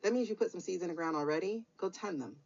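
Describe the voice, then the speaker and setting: An American woman with a fairly low, slightly mellow voice talks quickly as she gives a weekly tarot reading. She's casual, blunt and encouraging, swearing mildly now and then, like a spiritual guidance chat. The recording sounds dull and lo-fi.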